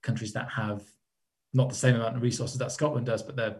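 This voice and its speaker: A man's voice: medium pitch, steady tone, a little fast, darkish tone. A young man from Poland in his twenties, a council candidate giving hesitant panel answers with many fillers.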